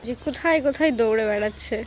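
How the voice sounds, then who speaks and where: A woman's voice: a little high, rapid-fire, a little hiss or hum. A young woman, chatting casually and rambling through stories for her vlog. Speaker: vlogger. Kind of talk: casual vlog chat and voice-over.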